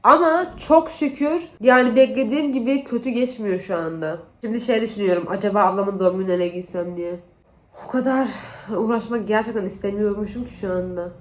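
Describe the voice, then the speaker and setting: A woman's voice: medium pitch, fairly quick. A young woman with the flu, telling a story in a casual makeup vlog, exasperated and acting out the dialogue. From Turkey. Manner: animated, exasperated retelling with acted-out dialogue. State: has the flu. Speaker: beauty vlogger.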